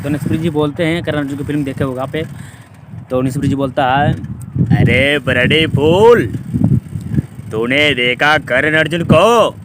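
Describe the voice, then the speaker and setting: A man with a Bhojpuri accent calmly introducing his mimicry acts. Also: mid-range voice. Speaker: mimicry performer. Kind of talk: casual introductions. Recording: noisy outdoor recording with traffic.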